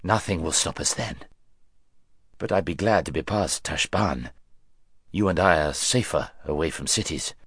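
A man's voice: a bass voice, animated, moderate pace, long pauses, a bit bright, husky, no room sound, clean studio sound, voice pushed down, exaggerated voice. A man voicing a proud, fussy talking warhorse, grave and anxious about his dignity, in a storybook reading. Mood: confident.

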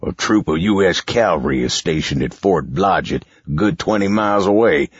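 Storybook villain, sneering mine boss read by a man, deep slow drawl, muffled sound. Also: lively intonation, slightly rough, dry recording. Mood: menacing. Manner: slow, gloating, menacing. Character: scheming, sneering male mine boss, adult. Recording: dull, muffled recording.

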